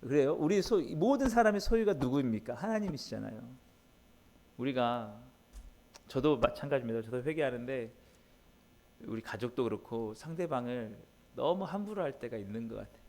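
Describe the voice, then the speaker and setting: A man's voice: medium pitch, expressive, normal speed, a little mellow. A man preaching an early-morning sermon as pastor. He speaks emphatically in a conversational way, often turning to address the congregation directly.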